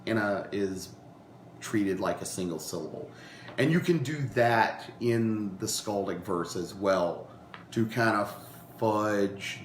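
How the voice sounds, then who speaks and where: A man with a lingering cold teaching a beginners' class, explaining in an unhurried way with many ums and restarts. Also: low-pitched, a little hiss or hum. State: recovering from a cold, coughing. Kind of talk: informal lecture to a class. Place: meeting room with a class. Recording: roomy class recording.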